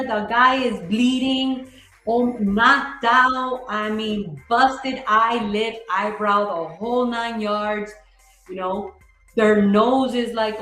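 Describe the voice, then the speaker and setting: A woman real estate coach giving an energetic, repetitive motivational talk on a livestream, quizzing viewers in the chat. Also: fairly high pitch, echoey room, rough recording. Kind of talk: live-streamed motivational coaching.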